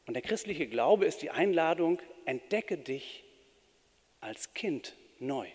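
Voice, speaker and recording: A pastor giving a sermon in an earnest, plain-spoken way with shifting emphasis. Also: male voice, medium pitch, darkish tone. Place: church. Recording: reverberant church hall.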